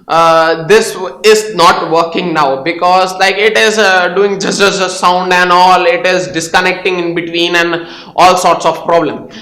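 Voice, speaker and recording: Hosting a laid-back tech explainer video, a young Indian man with a Hindi or Tamil first language speaks Indian-accented English in a high, sharp, fairly flat voice. He talks a bit slowly and haltingly, full of fillers and false starts, and the room is echoey.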